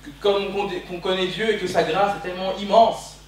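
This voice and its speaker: During a church service, a man in his 20s from Belgium delivers an emphatic, passionate sermon built on repeated phrases. His voice sits high and steady at a moderate pace. A distant mic captures the very echoey hall with slight background noise.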